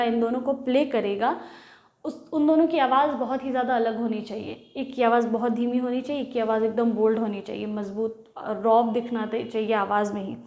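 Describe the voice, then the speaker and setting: A woman teacher gives a bilingual classroom lesson in Hindi, slipping English words into her explanations. Her voice is on the high side with a darkish tone. The room sounds echoey.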